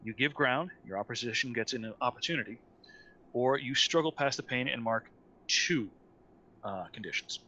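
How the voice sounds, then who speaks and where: A man's voice: medium pitch, normal speed, bright, forceful tone. A man acting as game master, patiently explaining rules with many fillers over an online call. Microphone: online call mic.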